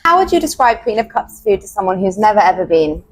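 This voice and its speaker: A woman's voice: medium pitch, sing-song, quick pace, low-quality recording. A woman interviewer asking questions and giving short encouraging replies. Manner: brief encouraging backchannels.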